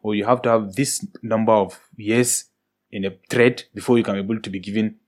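A man's voice: lowish voice, fairly even intonation, a little fast. A man with a Nigerian Hausa accent in casual discussion, mixing English with Hausa and leaning on repeated filler phrases.

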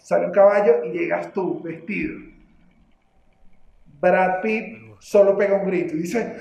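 A man with a Venezuelan accent, co-hosting a podcast in casual chat. He tells stories in an animated way and laughs often. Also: sits high, vocal fry. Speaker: podcast co-host. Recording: roomy, dull faulty audio.

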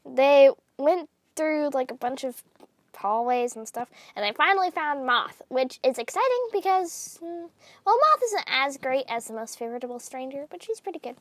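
A woman's voice: high voice, lively intonation, normal speed, no room sound. Woman co-narrator, rambling giggly delivery, dry sound. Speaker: co-storyteller. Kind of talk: improvised story narration.

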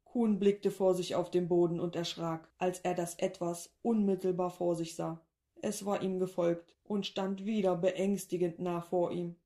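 A woman narrating a short story in a calm, even read-aloud manner. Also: fairly low pitch, measured pace.

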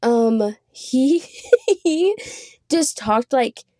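A young woman chatting on a podcast in a slightly high, mellow voice. She talks fast and loose, laughing and filling with "like" as she tells a story. The sound is close and dry. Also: animated, dry recording. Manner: chatty, laughs often, says "like" a lot. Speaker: podcast co-host. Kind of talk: casual chat.

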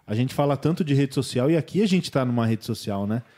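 A man's voice: mid-range voice, animated, quick pace, dark tone, slight background noise. A man hosting a podcast, who asks casual leading questions and backs up his guest's answers. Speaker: podcast host.

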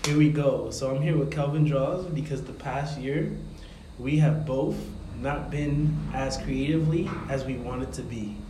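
A man's voice rings with big echo in a reverberant room, over clear background noise. He hosts a podcast in a loose, conversational way, explaining things in a rambling, informal style. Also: medium pitch, measured pace. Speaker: podcast host. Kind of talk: casual podcast chat.

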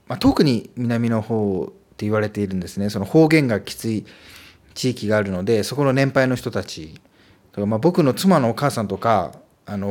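A man talks through his points in a relaxed solo podcast, his pitch rising and dipping with lively movement. He explains in a friendly way, pausing on small fillers as he goes. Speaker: podcast host teaching Chinese. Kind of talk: casual solo podcast talk.

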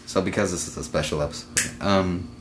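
Laid-back crude man, low voice. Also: fairly even intonation, brisk, slight background noise. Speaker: podcast host. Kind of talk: casual chat.

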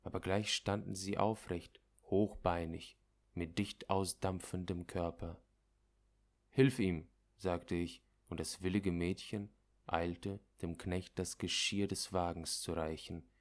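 A man with a very low voice reads a literary story aloud as its narrator. His pacing is measured and dramatic, and he lets the first-person tension build line by line. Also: little pitch movement. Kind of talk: literary audiobook reading.

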